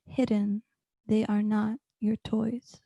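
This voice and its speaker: A woman gives a solemn poetry reading in a very dark, mellow voice with a creaky edge. She recites deliberately and slowly, letting each phrase stand. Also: mid-range voice, little pitch movement, no echo, dull audio. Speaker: poetry reader.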